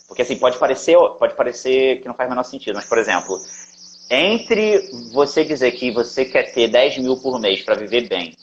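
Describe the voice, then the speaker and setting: Brazilian man, coach guest, animated, mid pitch, dull lo-fi video call audio. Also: slight background noise. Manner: animated, acts out inner voices. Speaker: interview guest, NLP coach. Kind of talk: explanatory casual talk.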